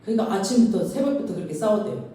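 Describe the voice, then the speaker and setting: A woman pastor preaching a sermon in a church, telling a story lively and acting out the voices in it, with informal asides. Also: medium pitch, rapid-fire. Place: church sanctuary. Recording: very echoey hall, far from mic.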